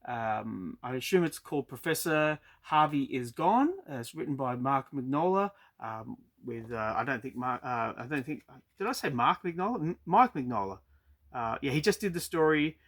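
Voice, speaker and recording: A man's voice: medium pitch, animated, moderate pace. An Australian man chatting casually about his weekly comic purchases, with frequent ums and uhs. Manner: hesitant, many ums and uhs. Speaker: comic book collector vlogger. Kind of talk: casual review chat. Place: storage unit.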